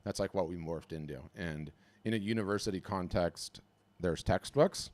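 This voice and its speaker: Male webinar host, low voice, energetic coaching talk with quick restarts. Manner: energetic, animated, repeats words when starting a thought.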